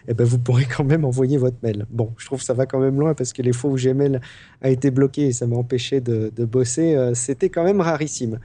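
Male podcast co-host, mellow tone, casual and halting delivery. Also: mid-range voice. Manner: hesitant, many fillers and restarts. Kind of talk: casual chat.

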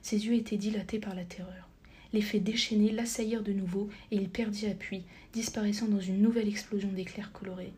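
Woman narrating in a soft half-whisper. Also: medium pitch, steady tone, brisk. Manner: soft, half-whispered, occasional slips and corrections. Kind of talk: whispered audiobook reading.

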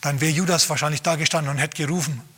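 A male pastor delivers a lively sermon in a bright, forceful voice with a husky edge. He speaks emphatically and slips into acted scenes. His voice sits a little high for a man. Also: fast.

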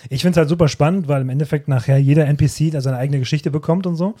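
Fast-talking excitable German podcast man. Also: on the high side. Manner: excited rambling, acts out quoted game characters. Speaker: podcast co-host. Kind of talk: casual chat.

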